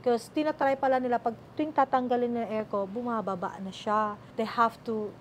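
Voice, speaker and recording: A middle-aged Filipino woman with a Filipino accent, telling her story as an interview guest, animated and acting out the voices she quotes. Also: a little high, a little fast, a little hiss or hum. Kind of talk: emotional sit-down interview.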